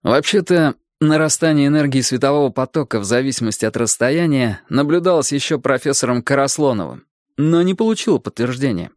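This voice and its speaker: A man narrating a children's story aloud, reading in an expressive, animated way. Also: medium pitch, fairly quick, dry recording, studio quality. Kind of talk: audiobook storytelling.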